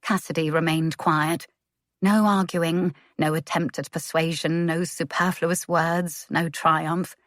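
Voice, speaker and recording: A woman narrating a romance audiobook in a measured, gentle way. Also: low voice, steady tone, no echo, studio quality. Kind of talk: scripted narration.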